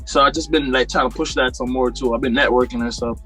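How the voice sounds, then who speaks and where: A man's voice: medium pitch, fairly even intonation, fast, pushed and bright, faint music behind. A young man from Jamaica, a rapper guest on a video call, talking in a laid-back, rambling way full of fillers. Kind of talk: casual interview chat.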